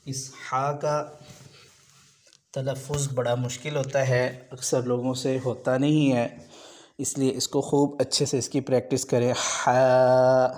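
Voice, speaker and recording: A man from Pakistan teaching beginners Quran letter pronunciation in an online lesson. He draws out each letter slowly as a model, then explains at a brisk pace. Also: medium pitch, little pitch movement, darkish tone.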